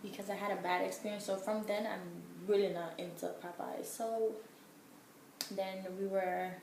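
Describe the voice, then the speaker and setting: A woman's voice: medium pitch, steady tone, normal speed, vocal fry. Exasperated young woman telling a story. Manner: exasperated, emphatic, full of "like" and "whatever". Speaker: vlogger. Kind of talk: casual storytelling. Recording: echoey room, faint background hum.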